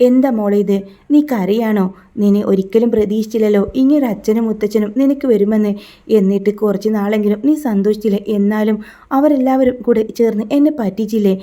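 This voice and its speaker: A woman plays a caring older aunt in a storybook retelling, gently scolding and comforting. Her voice is very dark and mellow. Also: mid-range voice, brisk, lightly acted. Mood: consoling.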